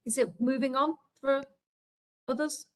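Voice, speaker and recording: This woman speaks with a Scouse accent and presents at a quick clip. She is earnest and practical, with frequent ums and small restarts as she works through her slides. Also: high voice, steady tone, poor audio. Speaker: healthcare leader presenting. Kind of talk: webinar presentation.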